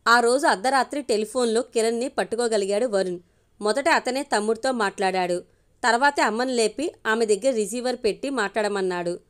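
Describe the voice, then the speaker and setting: A woman's voice: fairly high pitch, fairly quick. A woman reading a family story aloud, voicing the characters' dialogue in her own voice. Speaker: narrator.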